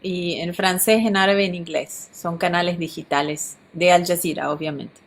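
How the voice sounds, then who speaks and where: A woman's voice: lowish voice, fairly even intonation. Earnest woman on a video call. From Syria. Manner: earnest, measured, with hesitations. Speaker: interview guest, journalist. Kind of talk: live video-call interview.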